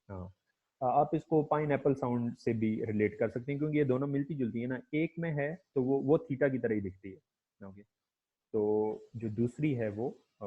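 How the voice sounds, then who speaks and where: A man giving a phonetics lecture, hesitant, filling pauses with "okay" and slowly demonstrating sounds. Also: mid-range voice, mellow, husky. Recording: muffled lo-fi recording.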